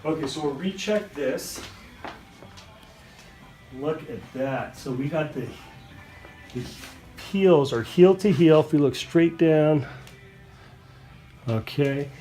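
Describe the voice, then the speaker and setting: A man's voice: fairly high pitch, unhurried, pauses often. Guy chiropractor giving easy reassuring instructions, roomy echo, music playing behind him. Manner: reassuring, casual. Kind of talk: talking a patient through a hands-on adjustment, with short instructions. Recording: echoey room, distant mic, music behind.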